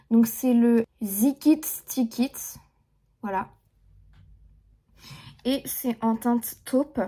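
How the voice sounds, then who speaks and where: Slow-talking young French woman, mellow voice. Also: fairly high pitch. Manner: chatty, lots of fillers and restarts. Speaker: beauty vlogger. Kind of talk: casual makeup tutorial.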